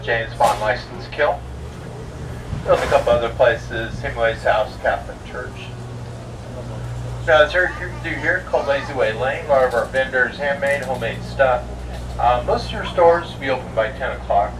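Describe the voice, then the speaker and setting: Guy doing a tour train commentary, lots of uhs, heard from back seats over engine noise. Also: medium pitch. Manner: rambling, with frequent uhs and light jokes. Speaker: tour guide. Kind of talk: narrated sightseeing tour. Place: open-air tour train outdoors. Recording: distant voice over vehicle and street noise.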